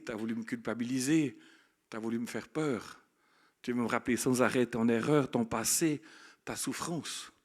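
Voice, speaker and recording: Earnest Québécois pastor preaching. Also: male voice, mid-range voice, husky. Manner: earnest preaching, swinging between soft and emphatic. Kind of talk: sermon.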